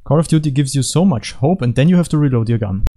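A man giving rambling, deadpan, joking commentary over video game footage from his computer at home. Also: mid-range voice, quick pace. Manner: deadpan, rambling, jokey asides. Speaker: gaming commentator.

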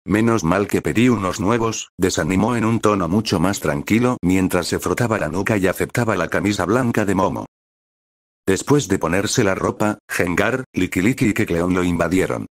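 Deep-voiced male storyteller. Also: normal speed, dry recording, studio quality. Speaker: narrator. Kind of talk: reading fan fiction aloud.

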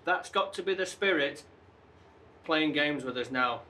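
A man's voice: on the high side, lively intonation, a little slow, bright, forceful tone. A man on a paranormal investigation, talking tensely about the voices he has heard. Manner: tense, reporting what he heard. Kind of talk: unscripted ghost-hunting chatter.

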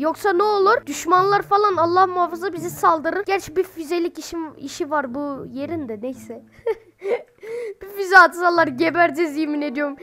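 A woman giving chatty let's-play game commentary, excitable and quick to burst into loud exclamations, speaking while sick. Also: very high-pitched. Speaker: gamer.

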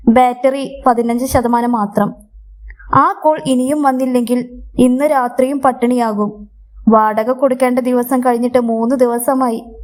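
A woman narrating a scripted story in a steady, measured reading. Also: fairly high pitch.

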